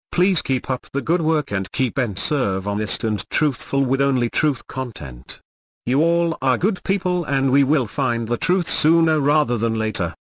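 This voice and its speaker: A synthetic male text-to-speech voice narrating a video channel, reading in an even, stiff way with odd pauses. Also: medium pitch, dry recording. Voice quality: synthetic robotic voice.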